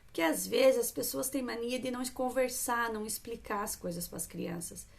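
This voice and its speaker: A woman, giving parenting advice to mothers on a live stream in an earnest, coaxing way, often acting out calm talks with a child. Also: a little high, a little fast, vocal fry. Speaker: parenting coach.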